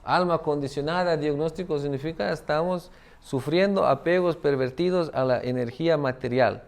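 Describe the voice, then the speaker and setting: Gravelly-voiced man giving a spiritual talk. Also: a little high, moderate pace. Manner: tag question "¿no?" after many phrases. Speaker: spiritual teacher. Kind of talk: devotional talk with a parable.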